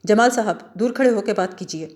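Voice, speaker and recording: A woman's voice: medium pitch, a little mellow, lightly acted. A woman voicing a spirited young woman who is sarcastic and curt in a story read aloud. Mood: stern. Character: lively, sharp-tongued young woman, spirited and proud.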